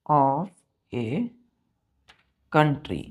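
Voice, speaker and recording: Female teacher, low voice, slow and patient, repeats and checks comprehension. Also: very animated, darkish tone. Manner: slow, repetitive, checks understanding often. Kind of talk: vocabulary lesson for students.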